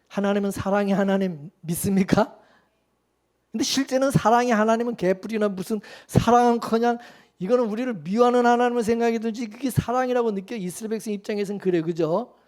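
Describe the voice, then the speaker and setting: In a church, a pastor with a high-pitched, darkish voice preaches a loose, conversational sermon, constantly throwing questions back at the congregation.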